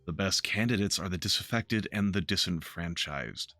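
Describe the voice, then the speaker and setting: A man's voice: sits low, normal speed, pushed and bright, dry recording. A man voicing a theatrical, flamboyant male elf in a video game, speaking in a raised, playful, lecturing tone.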